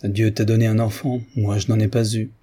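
Sly peasant woman, falsely humble, quiet and low; a man voicing her. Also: little pitch movement, fairly quick. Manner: quiet, smooth, insinuating. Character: sly calm peasant woman, feigning humility.

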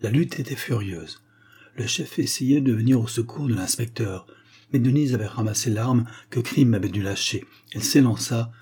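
A man narrating an audiobook thriller with steady, dramatic pacing. His voice is dark and mellow, with a husky grain. He sits at a middle pitch for a man. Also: moderate pace. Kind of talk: audiobook reading of a spy novel.

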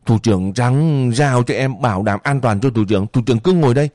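A man's voice: mid-range voice, a little fast, a little mellow, no echo, studio quality, lightly acted. A man voicing a dutiful young soldier who speaks earnestly and respectfully.

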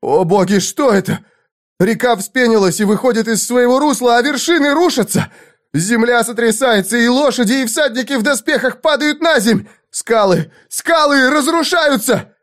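A man voicing a frantic young squire in a dramatized audiobook, calling out the battle in high, excited shouts. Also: normal speed.

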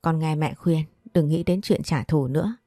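A woman's voice: sits low, normal speed, dark tone, no echo, studio quality. A woman reading the lines of a weary, remorseful older mother in an audio story, with a sorrowful manner. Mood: pleading. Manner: pleading, sorrowful.

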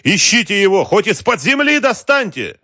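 A man voicing a furious older male gang boss in an audiobook, shouting and panicky. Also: medium pitch, sing-song, moderate pace, no room sound, clean studio sound. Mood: enraged shouting.

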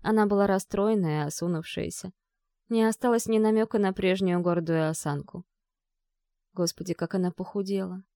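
A woman's voice: medium pitch, fairly even intonation, moderate pace, mellow, dry recording, studio quality. A woman narrating a first-person story in an emotional, vivid storytelling manner.

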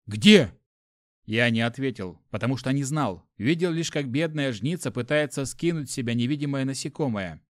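A man reading a first-person audiobook in an even, matter-of-fact way on a close studio mic. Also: medium pitch, brisk, few pauses, dry recording. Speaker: audiobook narrator.

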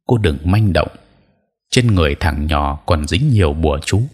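Audio story role: a man playing a composed exorcist master, deep and steady, coolly mocking. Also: moderate pace, breathy edge, full character voice. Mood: cool, stern. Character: calm, stern middle-aged male master exorcist.

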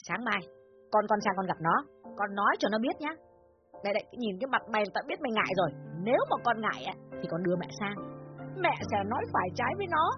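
Brief: woman playing a bossy, sharp-tongued older mother in an audio story, high and swooping voice, dull lo-fi sound with faint music. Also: lively intonation, close to an everyday voice. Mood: furious scolding. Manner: scolding, shrill, rapid-fire. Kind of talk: dramatized audiobook reading.

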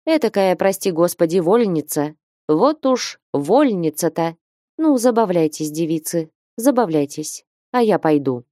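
A woman's voice: sits low, a little mellow, no echo, clean studio sound. Woman doing a stern, level-voiced abbess. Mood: stern calm. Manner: level, imperious, unhurried. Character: stern older abbess, calm and commanding.

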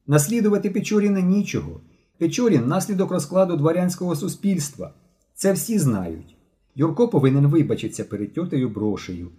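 A man's voice: on the high side, mellow, pitched above the performer's own voice. A man doing a pompous bookish schoolboy. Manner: lecturing, deliberate.

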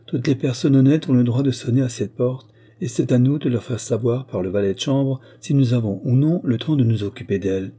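A man reading the lines of a calm, kindly and authoritative old prince in an audiobook, speaking evenly and quietly commanding. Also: mid-range voice, brisk, hardly any pauses, slightly rough, voice pushed up, close to an everyday voice. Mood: calm authority. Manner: even, quietly commanding delivery.

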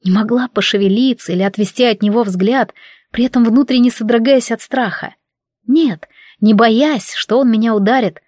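Woman narrator, first-person romance audiobook, emotive measured reading, fairly high voice, dry close sound. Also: a little mellow, no echo.

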